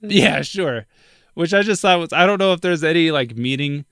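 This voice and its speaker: A man's voice: on the high side, lively intonation, normal speed, a bit bright, smooth, dry recording, clean studio sound. A young man co-hosting a podcast, chatting casually about a film, with lots of "like" and "dude" and frequent laughs. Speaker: podcast co-host. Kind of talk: casual film discussion chat.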